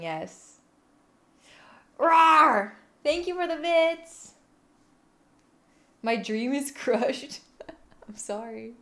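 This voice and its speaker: Woman livestreamer, playful and cute, high register, unhurried casual chat with viewers. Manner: animated, expressive delivery. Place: room at home.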